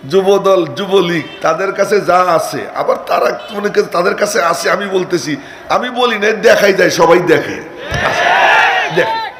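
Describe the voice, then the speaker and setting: High-voiced preacher, echoey sermon. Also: male voice. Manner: swings from loud declaiming to quiet chatty asides to the crowd; chants Arabic verses slowly. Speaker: Islamic preacher. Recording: echoey live sermon recording with faint noise.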